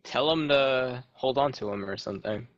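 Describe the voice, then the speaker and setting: A man's voice: medium pitch, normal speed, a bit bright, no room sound, lo-fi sound. A man playing in a tabletop game, chatting with dry, wry remarks. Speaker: player. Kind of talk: casual tabletop game chat.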